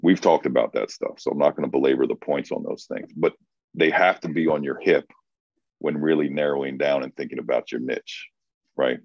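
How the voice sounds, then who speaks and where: A very deep-voiced man coaching. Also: brisk, a little mellow, no room sound. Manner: thoughtful, restarts and repeats words. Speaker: co-host, coach for writers. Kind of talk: casual conversational advice. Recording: dry, dull lo-fi sound.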